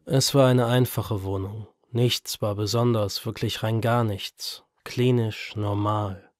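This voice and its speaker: A man reading a horror story as narrator in a measured, even storytelling manner. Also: on the low side, no room sound, studio quality.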